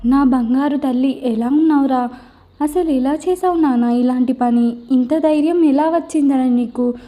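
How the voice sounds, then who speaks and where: A woman's voice: high-pitched, moderate pace, dark tone, natural voice. A woman voicing a middle-aged mother tearfully asking after her daughter in an audio story.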